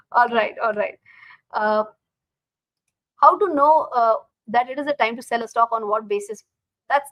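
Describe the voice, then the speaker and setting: Casting: woman, Indian accent, somewhat high voice, casual live-stream host and teacher who talks straight to her viewers. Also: fairly bright tone, no room sound, poor audio. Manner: repeats phrases, addresses viewers directly.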